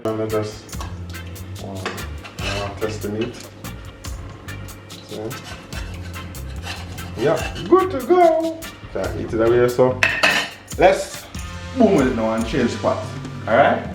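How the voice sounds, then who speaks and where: A man's voice: mid-range voice, takes it slowly, pauses often. Jamaican man chatting through a cooking demo. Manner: chatty and relaxed, with Jamaican patois phrases. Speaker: home cook and vlog host. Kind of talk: casual cooking demonstration. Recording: echoey kitchen with background music.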